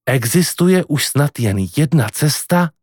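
A man reading an audiobook and voicing a middle-aged mother who speaks calmly and seriously. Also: a little high, no echo, clean studio sound, pitched above the performer's own voice. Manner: calm, measured, serious.

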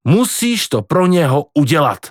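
A man reading an audiobook and voicing a middle-aged mother who speaks calmly and seriously. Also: a little high, dry recording, studio quality, voice pushed up. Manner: calm, measured, serious.

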